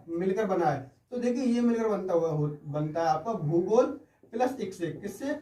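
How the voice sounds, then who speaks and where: In a warm, high-pitched voice, a man leads an online Hindi spelling lesson, taking each word in turn. He regularly checks in with his listeners. The mic sits at a distance, so the sound is roomy.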